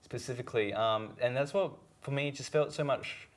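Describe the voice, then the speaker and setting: A man's voice: mid-range voice, moderate pace. A man co-hosting a film podcast, talking casually and rambling with many fillers and restarts. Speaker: podcast co-host.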